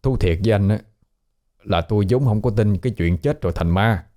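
A man's voice: lowish voice, a little fast, dark tone, natural voice. A man voicing a polite, inquisitive young man questioning a ghost.

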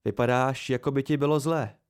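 A man's voice: mid-range voice, fairly even intonation, darkish tone, clean tone, lightly acted. A man voicing a worried young male student who blurts out his concern, in an amateur audiobook reading. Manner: anxious, blurting.

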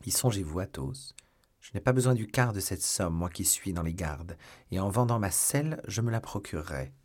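A bold young guardsman speaks in a brisk, earnest way. A man reads him in a storybook with a low, husky voice. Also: animated, darkish tone.

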